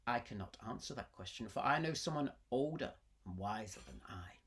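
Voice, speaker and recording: A storyteller's humble old Irish sage, animated pitch. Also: normal speed, lightly acted. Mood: humble, solemn. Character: wise grey-bearded old Irish sage, humbly deferring to elders. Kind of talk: oral storytelling of legend.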